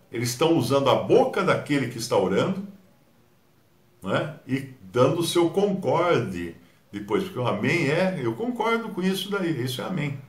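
A man with a Brazilian Portuguese accent giving a Bible study, animated and mockingly mimicking others. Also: mid-range voice, roomy sound. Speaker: Bible teacher.

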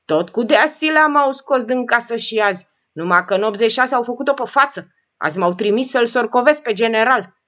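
A sarcastic old lady full of scorn barks insults in a high, animated voice, performed by a woman reading a storybook. Her lines are bossy and mocking. The recording sounds a little muffled. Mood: scornful. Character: sharp-tongued rich old woman, mocking and shrewd.

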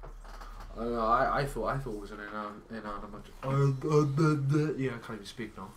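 Young Welsh man, loud sweary gaming banter, recorded on a noisy shared mic. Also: mid-range voice, fairly quick. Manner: loud, sweary, laughing a lot. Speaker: gaming host. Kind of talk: casual gameplay banter. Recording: noisy room on one desk mic.

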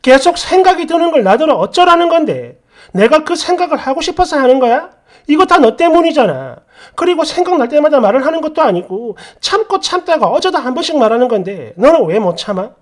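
A woman reading out a hurt wife, exasperated and accusing, pressing her husband for answers with a raised voice. Her pitch swings widely and lively as she argues. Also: fast, hardly any pauses. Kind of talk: storytelling with acted dialogue.

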